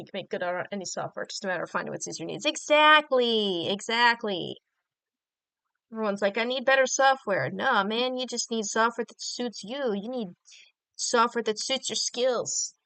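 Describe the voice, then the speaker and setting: Brief: young woman livestream host, bright tone, rambling casual chat. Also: mid-range voice, no echo. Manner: chatty, rambling, many fillers. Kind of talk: casual chat while drawing.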